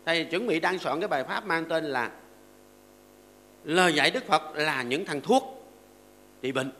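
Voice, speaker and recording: An older monk preaches in a high voice with a bright, forceful edge. He teaches through homely stories and short verses, and he keeps stopping to ask his seated listeners to agree. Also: lively intonation, moderate pace, a little hiss or hum. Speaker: Buddhist monk giving a dharma talk. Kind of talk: sermon to a seated audience.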